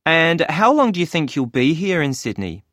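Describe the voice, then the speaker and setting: An actor playing a helpful receptionist who fills in a form, talking in a relaxed, chatty way in a scripted listening dialogue. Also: medium pitch, moderate pace, no room sound, studio quality. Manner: relaxed, chatty, with fillers and small laughs. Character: helpful club staffer taking details. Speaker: club receptionist. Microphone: close studio mic.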